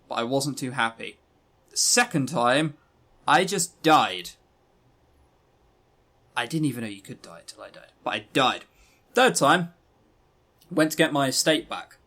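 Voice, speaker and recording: A man with a medium-pitched, slightly bright voice hosts a podcast about visual novels. His casual, rambling review talk is wry and self-deprecating, laced with swearing and emphasis on key words.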